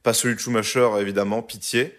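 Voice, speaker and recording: A young man co-hosts a casual podcast, presenting a segment by telling a story in a loose, jokey way packed with fillers. His voice is medium-pitched and fairly bright, with a steady tone and a fast pace.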